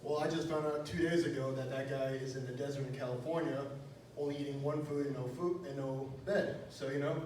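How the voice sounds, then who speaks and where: Speaking a little fast with fairly even intonation, a young man from Wisconsin tells crude jokes at his own expense, leaning on "you know," during a stand-up set. His mid-range voice is a little mellow. The small club stage sounds echoey, recorded from a distant mic with faint noise in the background.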